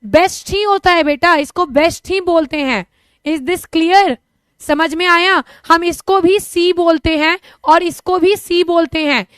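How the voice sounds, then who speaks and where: High-voiced chatty Indian woman teacher. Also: measured pace, fairly bright tone, no room sound. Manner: chatty, jokey, switches between two languages. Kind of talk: live online class.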